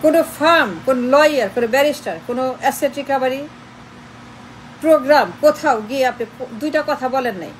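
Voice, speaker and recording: A woman with a high voice, hammering away with question after question in a heated political rant. She mixes Bengali and English in her demands. Faint traffic hum sits behind her. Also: quick pace, poor audio. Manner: confrontational, fires repeated rhetorical questions; switches between Bengali and English. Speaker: political commentator. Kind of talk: impassioned online political monologue.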